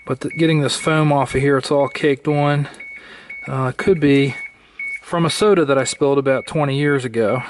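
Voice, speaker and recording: A middle-aged man narrates a casual how-to vlog from a car interior and an indoor workbench, thinking aloud tentatively. His medium-pitched voice is steady and moves at normal speed, on a noisy recording with clicking.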